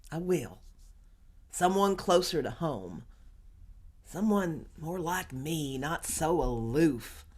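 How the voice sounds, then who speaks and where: A woman's voice: fairly low pitch, fairly bright tone, heavily acted. An actress playing a woman who muses wryly about her therapist in a stage monologue. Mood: wistful. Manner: musing, wry, unhurried. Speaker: stage actor. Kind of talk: theatrical monologue.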